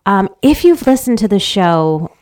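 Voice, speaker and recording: A woman's voice: medium pitch, big pitch swings, a little slow, a crowd in the background. A woman in her thirties co-hosting a podcast in casual chat, rambling and teasing. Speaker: podcast co-host.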